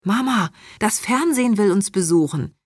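A woman's voice: medium pitch, lively intonation, normal speed, darkish tone, no echo, studio quality, voice pushed up, natural voice. A woman voicing a sensible teenage son, speaking in a slightly raised, exasperated tone.

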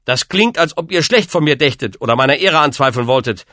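Man voicing a calm, earnest young knight. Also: lowish voice, moderate pace, no echo, clean studio sound. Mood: pleading. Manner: firm, level and reasonable.

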